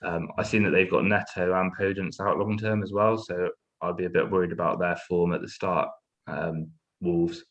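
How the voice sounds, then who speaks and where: A man speaking as a podcast guest in a relaxed, slangy way. His voice is very low and even. He talks easily and casually, thinking aloud as he goes. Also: normal speed, muffled recording.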